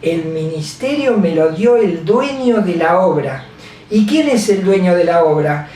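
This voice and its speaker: A woman delivers a sermon in a halting way. She repeats chapter and verse and leans on fillers. Her voice rings through a very reverberant church hall, picked up from far off. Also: fairly low pitch, lively intonation, warm tone, a little hiss or hum. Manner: halting, repeats scripture references, many fillers. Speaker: preacher. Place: large echoey church hall.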